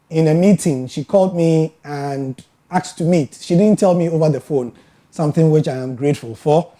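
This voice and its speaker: A Ghanaian sports broadcaster giving a scripted educational talk, telling his story in a measured, earnest way with emphatic pauses. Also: on the high side, warm tone. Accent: Ghanaian English.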